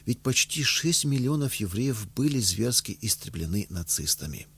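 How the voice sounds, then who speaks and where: A man reading a memoir aloud as an audiobook narrator, in a steady, measured way. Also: medium pitch, vocal fry, husky.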